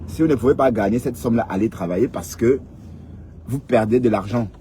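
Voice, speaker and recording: A vlogger in his fifties lectures listeners with advice in a casual monologue, repeating his points and often nudging them with "hein?". His medium-pitched voice is mellow and a little fast, with slight background noise.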